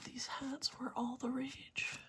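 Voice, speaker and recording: A woman whispering a casual ASMR pep talk in a breathy, gentle, rambling way with pauses. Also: high-pitched, level tone. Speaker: ASMR video host.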